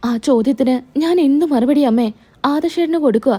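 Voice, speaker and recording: A woman's voice: high voice, a little fast, dark tone, natural voice. A hurt, pleading young wife, read by a woman.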